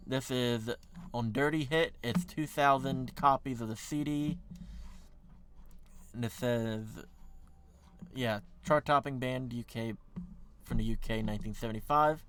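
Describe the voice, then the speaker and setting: A man's voice: medium pitch, unhurried, pauses often, a bit bright, slight background noise. Rambling American man streaming casually. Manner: rambling, filler-heavy, self-correcting. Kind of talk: casual livestream chat.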